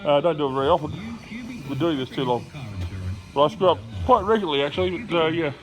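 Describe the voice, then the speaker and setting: Aussie bloke doing a casual building site vlog, kinda high voice, bit slurred and mumbly, rambles and pokes fun at himself. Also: male voice, quick pace, over music, rough recording. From Australia. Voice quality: slightly slurred, mumbling articulation. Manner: self-deprecating, rambling. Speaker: builder vlogging his house-raising job. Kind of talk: casual vlog narration to camera. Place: outdoor building site, gravel ground.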